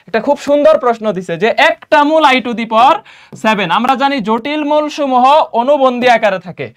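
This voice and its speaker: Young man, math teacher, clear resonant voice, high pitch, quizzing students, slightly tired, low energy. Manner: quizzing students with quick rhetorical questions; mixes in English math terms. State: tired and a little low on energy after a run. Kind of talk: exam-prep math lesson.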